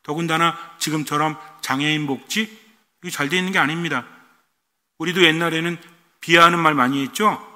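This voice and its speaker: Bright, animated preaching man. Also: a little high, brisk, long reverb tail. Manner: animated, asks the congregation rhetorical questions. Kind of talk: sermon. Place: church.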